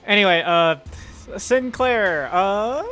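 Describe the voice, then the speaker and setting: A man's voice: high-pitched, expressive, slow, bright, forceful tone, soft background music. A playful man chatting and laughing as a streamer while they read a game together. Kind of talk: casual chat while reading a game together.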